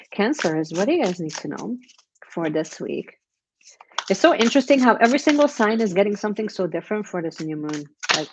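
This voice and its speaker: A woman's voice: lowish voice, a little hiss or hum. A woman giving a casual weekly tarot reading, chatty and encouraging, with plenty of fillers and restarts. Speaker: tarot reader.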